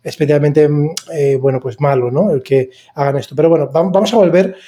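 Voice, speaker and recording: A man hosting a casual podcast, talking in a chatty, halting way full of fillers and restarts. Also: fairly high pitch, dark tone. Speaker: podcast host.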